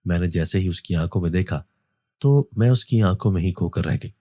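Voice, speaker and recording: Deep-voiced man narrating a horror story. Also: warm tone, no echo, studio quality.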